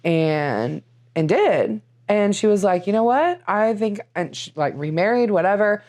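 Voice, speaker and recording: A woman's voice: mid-range voice, measured pace. A woman co-hosting a podcast, chatting casually and laughing easily. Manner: laughs easily, animated asides. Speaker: podcast co-host. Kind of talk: casual chat.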